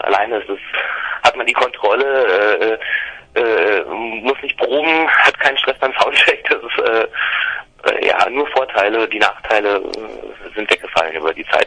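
A man in his thirties from Berlin, talking on the phone and pausing often with fillers as he searches for words. His voice has a bright, husky edge. The phone line gives it a thin, narrow sound. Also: on the low side. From Berlin, Germany. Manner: hesitant, many fillers and restarts. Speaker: singer-songwriter guest. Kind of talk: casual phone interview. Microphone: telephone line. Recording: phone line into radio studio.

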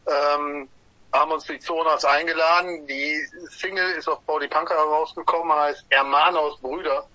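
A man from a band talking through a tour in a radio interview, keen and peppered with hesitations. His voice is bright and a little raised, recorded dry and somewhat lo-fi. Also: fairly high pitch, steady tone, moderate pace, dry recording. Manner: enthusiastic, many filler sounds. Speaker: band musician guest.

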